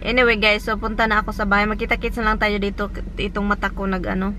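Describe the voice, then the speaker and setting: A woman's voice: mid-range voice, flat delivery, racing, pushed and bright, soft background music. A woman from the Philippines with a Filipino accent, chatting casually and laughing often while vlogging from a car on her phone. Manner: chatty, giggly, exclamatory. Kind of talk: casual chat mixing Tagalog and English.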